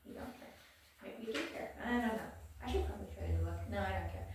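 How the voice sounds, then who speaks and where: A woman's voice: medium pitch, fast talker, creaky, noisy background. Breathless mumbly woman in an echoey room. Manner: mumbly, rambling, self-deprecating. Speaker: reader of a comic book on video. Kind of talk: casual chat and read-aloud. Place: large cold room in a building. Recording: very echoey room, mic far off.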